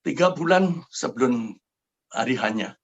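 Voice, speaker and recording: A gravelly, husky older man preaching in a sermon. He tells a personal testimony with fervour, dropping low and soft, then rising to loud pleading prayer. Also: lively intonation, unhurried, dull audio. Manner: fervent, swings from hushed to shouted prayer. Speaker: pastor.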